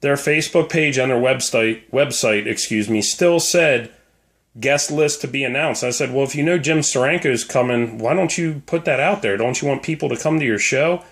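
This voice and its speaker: Male vlogger, medium pitch, hungover and a touch ornery, conversational storyteller delivery. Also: normal speed, a bit bright. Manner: conversational storytelling, acting out quoted dialogue. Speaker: vlogger, comic collector. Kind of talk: casual monologue to camera showing comic haul.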